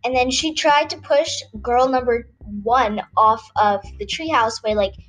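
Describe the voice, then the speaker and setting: A woman's voice: a little high, a little slow, a bit bright. A young woman telling a personal story on her podcast, rambling with many filler words. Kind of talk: casual storytelling.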